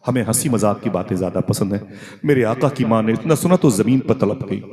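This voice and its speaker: Male preacher telling a dramatic sermon. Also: lowish voice. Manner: dramatic, rhythmic storytelling, leading crowd responses. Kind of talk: emotional religious sermon with call-and-response. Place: religious gathering before a crowd. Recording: live gathering with crowd audible.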